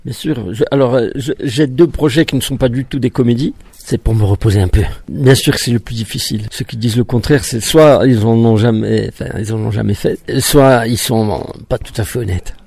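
Un réalisateur de cinéma qui parle de son film d'un ton posé, avec beaucoup d'hésitations. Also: male voice, medium pitch, fairly quick, hardly any pauses, slightly rough, no echo. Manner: relaxed, hesitant with many fillers. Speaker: film director. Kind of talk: press interview.

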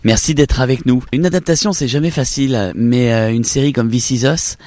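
A man's voice: medium pitch, fairly quick, darkish tone, no room sound. Man hosting a TV interview, dry sound. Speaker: TV host.

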